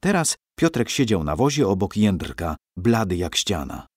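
Mężczyzna czytający opowieść, barwnie i ekspresyjnie. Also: male voice, low-pitched, moderate pace, no echo, studio quality. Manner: lively, expressive storytelling. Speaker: audiobook narrator. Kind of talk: scripted story narration.

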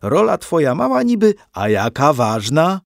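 A man voicing a stern middle-aged nobleman father in a storybook reading, speaking in measured, old-fashioned phrasing. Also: on the high side, big pitch swings, creaky, no echo, clean studio sound, pitched above the performer's own voice. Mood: proud.

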